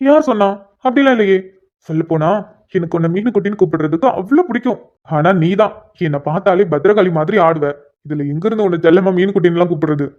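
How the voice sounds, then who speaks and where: A woman voicing a shy young husband in a cartoon, speaking softly and apologetically one moment and teasing his wife the next. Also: fairly low pitch, expressive, fast, close to an everyday voice. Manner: soft, apologetic then playfully teasing. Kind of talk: cartoon dialogue voice acting. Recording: dull lo-fi recording.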